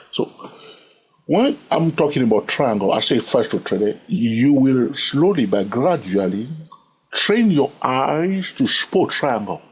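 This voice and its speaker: An animated man with a husky voice teaches trading in a screen-share lesson, often asking the viewer questions and repeating "all right?". His pitch jumps suddenly upward, and the audio quality is poor.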